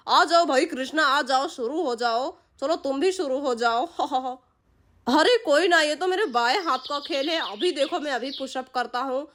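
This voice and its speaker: A woman's voice: high-pitched, measured pace, a bit bright. A woman voicing a bumbling middle-aged father in a doll story, begging forgiveness and groaning about his back. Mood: boastful. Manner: pleading, groaning comic complaints. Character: bumbling middle-aged dad, sheepish and comic. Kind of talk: Hindi doll-story role-play.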